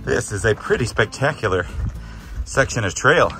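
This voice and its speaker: A man with a dark, gritty, gravelly voice talks casually and wryly as he narrates a hike outdoors. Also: mid-range voice, expressive, normal speed, soft background music. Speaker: hiking vlogger. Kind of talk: casual unscripted trail narration to camera. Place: outdoors on a rocky desert trail.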